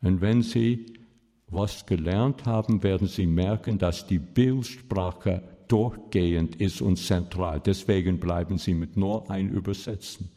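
A man's voice: deep voice, a little slow, dark tone, in a large hall. A man preaching a sermon to his congregation. He speaks emphatically, and his voice rises sharply whenever he stresses a point.

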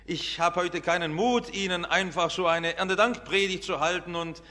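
A pastor preaching a harvest festival sermon in a church, dramatic, swinging between soft and loud. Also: male voice, high-pitched, steady tone, normal speed. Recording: long church reverb.

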